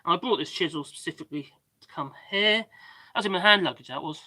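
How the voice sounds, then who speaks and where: A man with a slightly mixed Norfolk English accent and a squeaky voice, chatting casually and ramblingly as he hosts a livestream. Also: fast talker, pushed and bright, dry recording, rough recording. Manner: rambling, chatty, self-interrupting. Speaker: livestream host doing DIY work.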